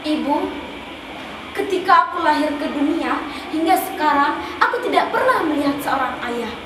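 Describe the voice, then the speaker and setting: A woman performing a theatrical monologue as an anguished, fatherless daughter, a sorrowful tragic heroine speaking in declamatory phrases with dramatic pauses. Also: high-pitched, lively intonation. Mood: mournful. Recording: distant, echoey, clearly noisy room recording.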